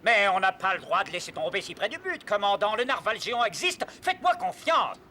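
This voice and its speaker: An eager cartoon scientist, stubborn and excitable, in a very high voice that leaps around. The tone is bright and keen. Music plays softly behind. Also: male voice, a little fast, a little hiss or hum, heavily acted. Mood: insistent. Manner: insistent and excitable. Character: excitable, stubborn male professor. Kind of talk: cartoon dubbing.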